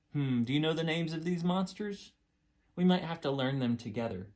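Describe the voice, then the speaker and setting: A children's storytime presenter talks in a classic kindergarten teacher voice. The delivery is simple and encouraging, with questions for very young listeners and key words stretched out. The pitch sits in a middle range. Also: a little mellow. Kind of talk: children's storytime, teaching, reading aloud and singing.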